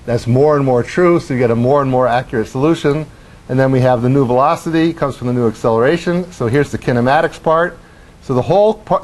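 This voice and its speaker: A middle-aged man giving a university lecture in a lecture hall, animated as he acts out motion and tosses wry questions to the class. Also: medium pitch. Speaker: professor.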